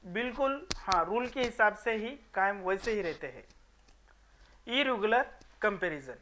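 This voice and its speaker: A man teaching an English grammar lesson to students, explaining each rule step by step and checking with quick rhetorical questions. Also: high-pitched. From Maharashtra, India.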